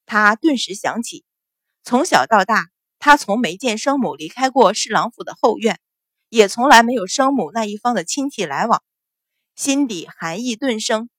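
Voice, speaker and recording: A woman with a fairly high voice narrates a period novel, acting out the characters' quoted lines with extra pitch and force. Her voice is recorded close and dry, with no room sound at all. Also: lively intonation, normal speed, fairly bright tone, no room sound. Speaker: audiobook narrator.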